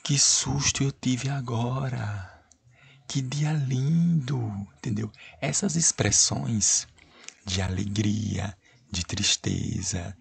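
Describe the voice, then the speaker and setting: A man with a Brazilian accent teaches an online class in a low, gravelly, husky voice. He circles back over the same points and keeps asking the class whether they follow. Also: no echo. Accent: Brazilian Portuguese. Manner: repetitive, checks students understand. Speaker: Portuguese teacher.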